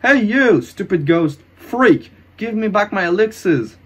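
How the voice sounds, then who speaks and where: A man performs the role of a tormented, loyal young swordsman in an amateur anime fan drama, speaking stilted English with halting, melodramatic delivery over music. His medium-pitched voice has a breathy edge and sounds panicked.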